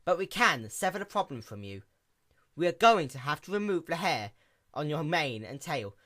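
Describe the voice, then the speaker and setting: Regal storybook pony princess, voiced by a man. Calm, formal, measured, pitched above natural speech. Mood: composed. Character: calm, regal elder-sister pony princess, gentle ruler.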